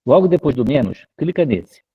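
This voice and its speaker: A man's voice: medium pitch, big pitch swings, normal speed, husky, phone-quality sound. A man on a video call patiently talking someone through sharing their screen, giving step-by-step directions. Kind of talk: casual tech help on a video call.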